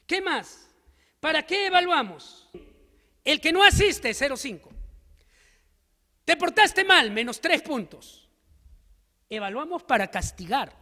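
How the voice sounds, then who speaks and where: A man's voice: high-pitched, sharp tone. A man giving an emphatic seminar lecture to teachers, full of rhetorical questions and stories. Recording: long hall reverb.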